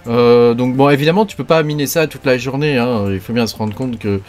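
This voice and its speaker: A man's voice: mid-range voice, fairly quick, darkish tone. A man hosting a joking video about crypto mining, talking loosely with constant fillers and small restarts. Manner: rambling, heavy fillers and verbal tics. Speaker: crypto YouTuber. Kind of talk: joking casual video talk.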